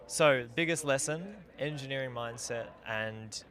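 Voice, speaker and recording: Man hosting a live interview outdoors, sharp bright tone, upbeat. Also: mid-range voice, unhurried. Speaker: livestream interviewer. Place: outdoors at a launch site.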